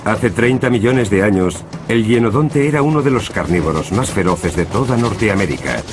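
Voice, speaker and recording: A man's voice: fairly low pitch, expressive, moderate pace, over music. A man reading scripted nature documentary narration.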